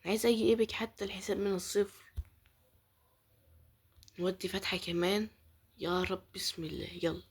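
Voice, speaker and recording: Husky Egyptian woman gamer muttering prayers. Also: mid-range voice, fairly even intonation, fairly quick, long pauses. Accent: Egyptian Arabic. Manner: pleading, muttering prayers, drops to whispers. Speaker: gaming YouTuber. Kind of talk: casual gameplay commentary.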